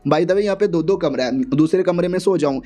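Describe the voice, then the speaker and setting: A flustered young bride, nervous and rambling, who laughs at her own awkwardness, put on by a male narrator. The voice sits high yet stays mellow and soft at the edges. It is told as a storybook recap. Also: a little fast, close to an everyday voice. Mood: fretful. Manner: nervous, self-mocking, rambling.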